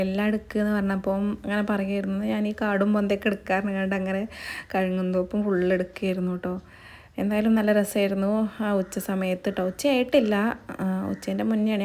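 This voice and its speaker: Chatty woman vlogger, mellow voice. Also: mid-range voice. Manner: chatty, ends sentences with a friendly tag. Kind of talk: casual voice-over narration of a family vlog.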